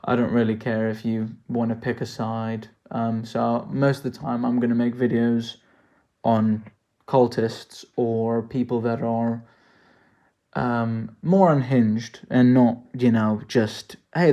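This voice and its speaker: A man's voice: mid-range voice, flat delivery, takes it slowly, mellow, lo-fi sound. A man from South Africa chatting loosely through a live-stream Q&A as a worldbuilding creator, thinking aloud with jokey asides. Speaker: worldbuilding creator answering chat.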